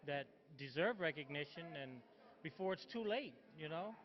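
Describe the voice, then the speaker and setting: A man with a somewhat high voice answering interview questions in a proud, emphatic way. The sound is muffled and lo-fi. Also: animated, normal speed. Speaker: interviewee, son of honoree. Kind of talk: casual interview.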